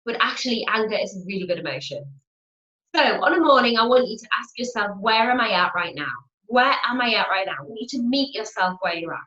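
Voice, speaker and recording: A woman's voice: fairly high pitch, fairly bright tone. A woman giving a chatty motivational teaching talk as a spiritual teacher, repeating her phrases and acting out inner voices. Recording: roomy, dull lo-fi home video.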